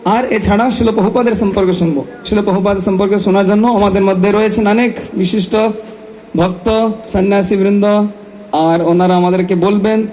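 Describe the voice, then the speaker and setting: A man giving a spoken welcome as host of a religious event, speaking the halting Bengali of a non-native speaker. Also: sits high, fairly even intonation, mellow. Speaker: event host and master of ceremonies at a religious festival.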